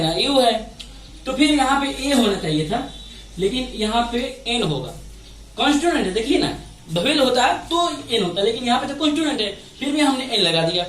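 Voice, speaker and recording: A man's voice: extremely high pitch, a bit bright. Man teaching grammar in a roomy echo. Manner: patient, repetitive explaining with rhetorical questions to students. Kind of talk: explaining grammar at a board. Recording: roomy echo from a distance, faint background noise.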